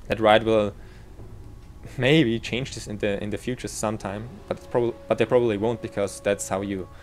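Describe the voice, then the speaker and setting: A man's voice: lowish voice, fairly even intonation, moderate pace, slight background noise. A man from Austria with an Austrian German accent gives a casual game tutorial, rambling a little and correcting himself as he works out the numbers.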